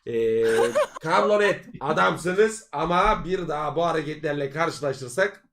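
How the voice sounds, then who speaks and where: A man live streaming, chattering nonstop to his viewers in expressive, complaining, swear-filled slang. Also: on the high side, measured pace. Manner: foul-mouthed, slangy. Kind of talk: casual livestream chat with viewers.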